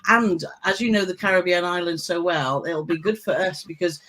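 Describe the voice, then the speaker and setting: A British cruise vlogger, appearing as a guest on a casual live stream, chats away and keeps seeking her husband's agreement with tag questions. Her lowish voice is steady, moderately paced and a bit bright.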